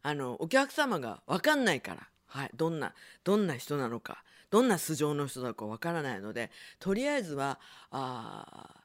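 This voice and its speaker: A middle-aged woman hosts a late-night radio show, chatting with listeners in a low, relaxed natural voice. Her pitch sits fairly low but swings widely, so she sounds animated and self-deprecating, laughing easily. A slight colours her speech. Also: normal speed. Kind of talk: casual late-night radio chat reading listener letters.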